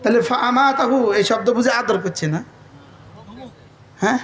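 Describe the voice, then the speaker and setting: Male preacher, high-pitched, fiery, echoey loudspeaker sound. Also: a little slow. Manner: fiery, calls out to the crowd; quotes Arabic verses in a chant. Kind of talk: Bengali waz sermon.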